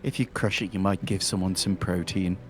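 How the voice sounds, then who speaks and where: A man's voice: low-pitched, fairly even intonation, a little fast. A man playing a tabletop role-playing game, trading casual in-game banter.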